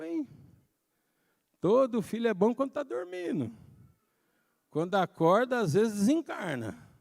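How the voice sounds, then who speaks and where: A man preaching a sermon as pastor, telling a story in an animated way that swings from soft to shouting. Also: sits high, gravelly. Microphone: handheld microphone.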